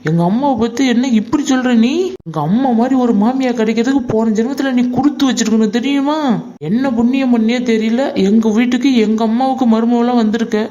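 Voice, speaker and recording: A woman's voice: on the high side, brisk, warm tone, highs cut off, close to an everyday voice. A woman voicing a demanding, rude young husband in a cartoon, barking at his wife. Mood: accusing. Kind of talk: cartoon voice acting.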